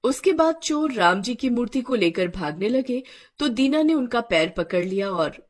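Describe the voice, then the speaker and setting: Storybook narrator, female: breathy, animated delivery. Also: fairly high pitch, normal speed. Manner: dramatic, expressive.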